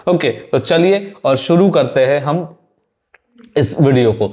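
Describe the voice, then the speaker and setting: A young man with a slightly higher voice runs through a student's exam answers. He speaks Hindi in a loose, conversational way and often repeats a word. English phrases keep turning up in his speech. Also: expressive, slow pace, a little mellow. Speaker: exam prep teacher. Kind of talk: Hindi lesson reviewing an answer sheet.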